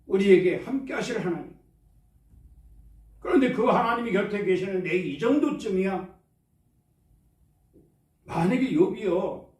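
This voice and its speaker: A pastor delivers a Sunday sermon in a church sanctuary, drawing responses from his congregation. His voice sits high with a darkish tone. The mic is placed at a distance in the echoey church hall.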